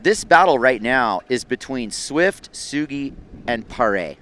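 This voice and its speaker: A man's voice: mid-range voice, lively intonation, slow pace, a bit bright, a little hiss or hum. A man giving live surf competition commentary in a laid-back, conversational surfer-announcer way.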